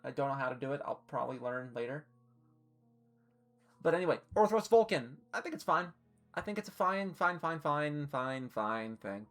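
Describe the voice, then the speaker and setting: A woman's voice: deep voice, fairly quick, long pauses, soft background music. Hiccuping, chatty woman streamer, swearing. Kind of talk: casual live-stream chat ranking costumes.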